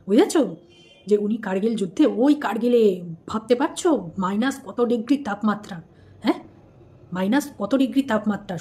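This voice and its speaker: Woman, fairly high voice, chatty vlog host, scolding tone, repetitive rhetorical asides. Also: darkish tone. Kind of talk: casual chatty commentary to viewers.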